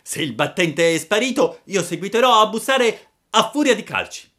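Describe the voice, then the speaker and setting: A man voicing an impatient young wooden puppet boy in a storybook reading, shrill and shouting. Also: normal speed. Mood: furious.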